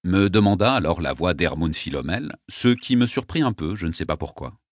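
Deep-voiced man narrating a novel. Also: lively intonation, moderate pace, no room sound, clean studio sound. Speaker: audiobook narrator. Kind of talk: first-person novel narration.

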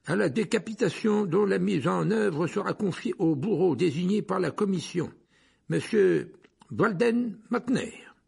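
A pompous official reads out a verdict in slow, formal cadence, as a man puts him on. The voice sits high and loud, with a gravelly grain. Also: lively intonation, exaggerated voice. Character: pompous male minister reading a sentence.

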